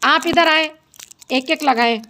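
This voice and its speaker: Woman teacher, high and slow, spelling words patiently for kids; faint noise behind. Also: bright, forceful tone. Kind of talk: classroom reading lesson.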